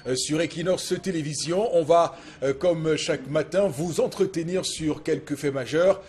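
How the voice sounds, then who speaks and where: A man's voice: a little high, moderate pace, darkish tone. A man hosting a morning TV talk show, introducing the panel with many hesitations. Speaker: TV host.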